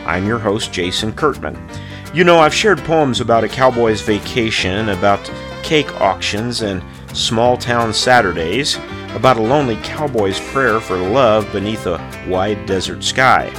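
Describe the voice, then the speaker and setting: A man's voice: fairly low pitch, a little slow. A man hosting a show, reciting scripted cowboy poetry and stories in a folksy, rustic way with dropped g's. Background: guitar music.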